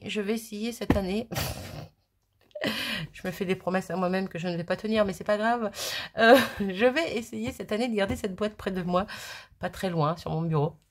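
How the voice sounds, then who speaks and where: Chatty woman, lowish voice. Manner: chatty, rambling, self-mocking with little laughs. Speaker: crafting video host. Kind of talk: casual crafting vlog.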